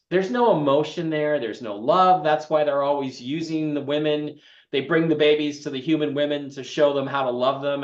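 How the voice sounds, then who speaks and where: A man hosting an interview, talking in an emphatic, opinionated way. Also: fairly high pitch. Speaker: host. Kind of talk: casual interview chat. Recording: echoey, dull lo-fi remote audio.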